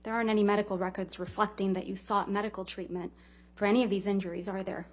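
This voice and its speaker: A woman's voice: medium pitch, level tone, fast. A woman lawyer cross-examining a witness in a courtroom, firing clipped, leading questions that often end in a short tag.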